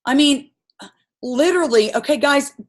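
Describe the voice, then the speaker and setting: A woman's voice: high voice, normal speed. A woman coaching her sales team on a group call, giving an impassioned, rambling pep talk full of stories.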